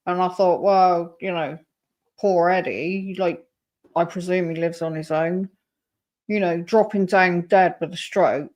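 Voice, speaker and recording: A woman's voice: fairly low pitch, steady tone, a little slow, a little mellow. A woman hosting a casual live stream, reacting to a clip and talking to her chat. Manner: chatty, reacting to a clip and reading chat aloud.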